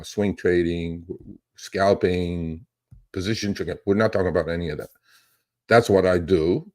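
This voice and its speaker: Unscripted and rambling, a livestream host with a deep, darkish voice drives his points home the way a trader teaches viewers. Little "okay?" and "right?" check-ins keep punctuating his talk.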